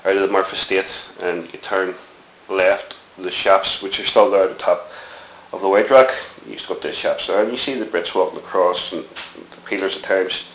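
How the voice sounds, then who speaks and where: A middle-aged interviewee from Belfast, Northern Ireland, speaks in a very low, slightly bright voice with fairly even intonation for an oral history interview. He recounts his childhood slowly and reflectively, rambling with lots of ums and restarts. An echoey room and faint hiss surround him.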